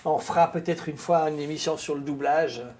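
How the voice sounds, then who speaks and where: A woman's voice: deep voice, fairly even intonation, fairly quick, dark tone, a little hiss or hum. A woman hosting a casual interview, rambling and repeating words as she frames her questions. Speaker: interview host.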